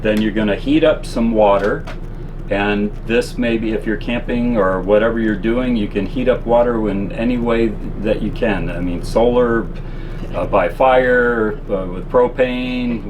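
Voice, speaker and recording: Low-voiced man demonstrating gear, noisy background. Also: moderate pace. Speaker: presenter of RV living gear tips. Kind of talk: casual product demonstration. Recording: constant air-conditioner-like background noise.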